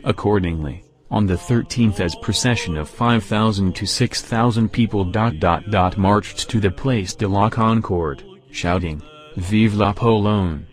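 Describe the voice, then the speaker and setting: A man reading a history text aloud as a narrator, measured and dramatic. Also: on the low side.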